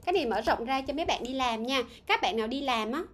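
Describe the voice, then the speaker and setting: A woman with a high, fairly bright voice and lively intonation runs a grammar lesson on a livestream, where she reads viewers' answers, asks them questions, and repeats words slowly. There's a little hiss or hum on the recording.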